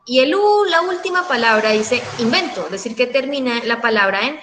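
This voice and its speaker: A woman teacher giving an online class. She speaks affectionately, keeps checking in with her students and spells word endings out slowly. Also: on the high side, expressive, fairly bright tone, slight background noise, rough recording.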